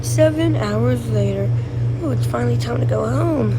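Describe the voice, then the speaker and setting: A woman's voice: on the high side, lively intonation, moderate pace, heavy background noise. A woman chatting casually as she narrates her own gameplay, thinking aloud and scolding her in-game car. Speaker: gameplay vlogger. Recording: loud game car sounds behind voice.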